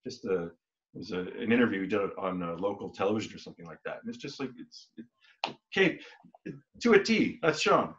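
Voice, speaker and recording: A man's voice: fairly low pitch, lively intonation, brisk, fairly bright tone. A man, a band member, chatting in an interview, rambling with many restarts and acting out quoted exchanges. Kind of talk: casual interview talk. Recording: dull lo-fi recording.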